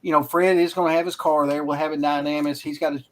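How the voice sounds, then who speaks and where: Man, guest instructor, from Arkansas, a bit high pitched, rambling. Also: level tone, fast talker. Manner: rambling, frequent restarts. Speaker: guest, racing school instructor. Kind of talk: casual interview talk.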